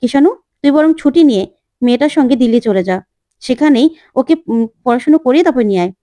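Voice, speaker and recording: A woman's voice: sits high, animated, fast talker, dark tone, no echo. A woman voicing an eager future mother-in-law who reassures and makes plans.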